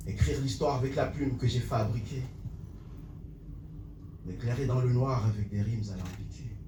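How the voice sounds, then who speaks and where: A man's voice: medium pitch, normal speed. A man performing slam poetry on a small theatre stage before a live audience, declaiming in rhythmic lines with half-sung refrains and then chatting with the crowd. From Comoros. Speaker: slam poet. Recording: roomy, distant, noisy live room.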